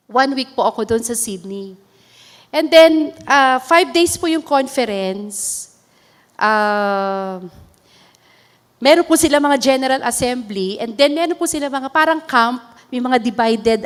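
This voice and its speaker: High-voiced Filipino woman preaching in hall. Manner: mixes English and Tagalog, earnest, often laughing softly. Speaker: pastor. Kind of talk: sermon testimony. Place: church hall. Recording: long reverb of a hall.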